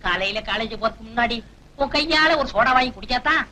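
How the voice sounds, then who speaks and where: A scatterbrained young male student in a film comedy, forever mixing up names and whining his protests. His voice is pitched high and bright, and he rattles through his lines with a muddled, put-upon air. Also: animated, fast, slight background noise, exaggerated voice. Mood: cheeky. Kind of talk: Tamil film comedy dialogue.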